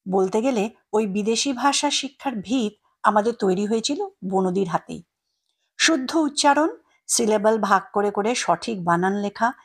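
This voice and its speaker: A woman reading a story aloud as the narrator, with expressive, lively delivery. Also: medium pitch, husky.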